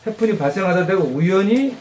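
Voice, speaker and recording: A man teaching English vocabulary to a class of mothers, animated, quizzing them and drilling repetition. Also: sits high, fairly quick. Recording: roomy classroom echo.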